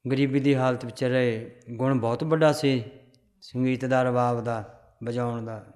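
A man teaching a religious class, calmly explaining scripture and its history. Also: medium pitch. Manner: recites verses slowly in a chanting tune, then explains calmly.

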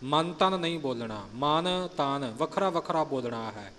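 A man patiently explaining how to pronounce and pause in a recitation, demonstrating each phrase carefully. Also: fairly high pitch, animated, a bit bright, in a large hall, slight background noise. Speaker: recitation teacher. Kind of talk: explanatory teaching on pronunciation.

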